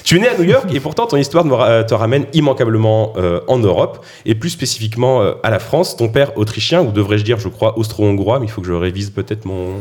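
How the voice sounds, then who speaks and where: A man hosting a podcast, reading a scripted introduction of his guests in a brisk manner, with self-mocking asides. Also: on the low side, lively intonation, darkish tone. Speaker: podcast host. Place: studio or room around a table.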